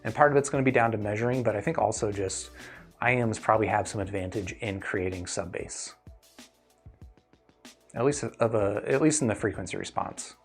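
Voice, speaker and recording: A man with a lowish voice speaks a little quickly over soft background music. He hosts a casual livestream Q&A, reviewing audio gear and answering viewer questions in a thoughtful, hedging way.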